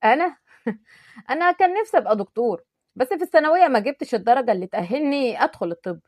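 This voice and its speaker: In a told story, a woman voices a young man with an Egyptian Arabic accent, a teasing joker with a soft heart. Her voice is on the high side, a little mellow, animated and fast, with no echo, and the mood is playful and teasing.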